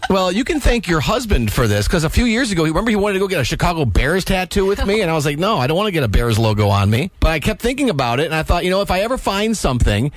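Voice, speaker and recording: A man in his forties hosting a radio show, talking in a halting, nervous way with lots of stammered restarts. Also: high-pitched, big pitch swings, slight background noise. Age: 40s. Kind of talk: casual on-air chat.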